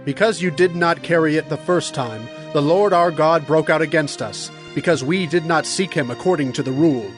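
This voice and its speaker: Brief: male actor as earnest, authoritative king in scripture audio drama, raised pitch, faint music beneath. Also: moderate pace, few pauses, natural voice. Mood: solemn, commanding. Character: King David, solemn commanding male ruler addressing priests.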